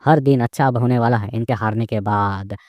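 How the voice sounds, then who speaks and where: A man's voice: mid-range voice, fairly quick, no room sound, muffled recording, lightly acted. A man voicing a gloating, spiteful old woman who laughs and mocks while she counts down, in a manga recap story.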